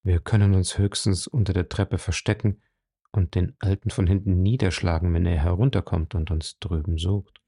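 A frightened man in a tight spot , voiced by the audiobook's reader, speaks low and subdued. His husky, gravelly tone stays hushed and halting. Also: fairly even intonation, no room sound, studio quality. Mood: tense. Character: frightened man trapped in a cellar.

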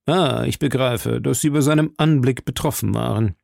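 A coldly mocking aristocratic lord, read by a man in a dark, gravelly voice. His speech is measured and sneering and sounds dry and close. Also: mid-range voice, no room sound.

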